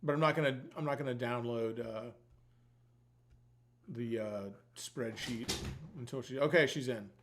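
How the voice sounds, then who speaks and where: A man hosts a livestream giveaway with an average-pitched voice. He talks casually and loosely, rambling from one thought to the next and swearing freely. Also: measured pace, pauses often, a bit bright, a little hiss or hum. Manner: sweary, informal, colloquial.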